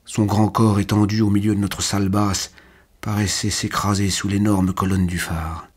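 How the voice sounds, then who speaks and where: A man reading a literary novel aloud as a first-person audiobook narrator, in a measured, quietly emotional manner. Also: fairly low pitch, little pitch movement, slightly rough.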